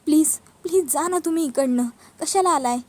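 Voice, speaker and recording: A frightened young woman begging to be left alone, repeating herself in panic, as a woman narrator plays her. The voice is high and strained. She sounds distraught throughout. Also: a little fast, a little mellow, natural voice. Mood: pleading. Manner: pleading, repeating words in panic. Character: terrified young woman pleading, sobbing.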